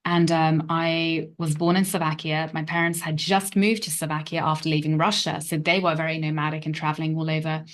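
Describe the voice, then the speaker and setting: A woman's voice: sits low, level tone, a little fast, few pauses. A woman in her thirties, a relationship coach, telling her life story in a reflective way full of fillers. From England. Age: 30s. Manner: reflective, hedging with many fillers. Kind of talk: personal story monologue.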